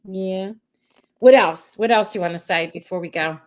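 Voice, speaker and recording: A woman's voice: medium pitch, moderate pace, a little hiss or hum. A woman hosting a casual live-stream chat over a video call, talking in a rambling way with many restarts. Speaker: host.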